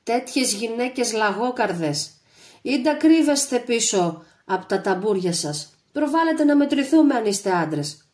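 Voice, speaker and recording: A swaggering male fighter with a Cretan accent hurls loud scornful taunts across the battlefield, voiced by a woman. The voice is pushed high and loud above the reader's own, bold and mocking, in a read-aloud novel. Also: animated, natural voice. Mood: scornful taunting.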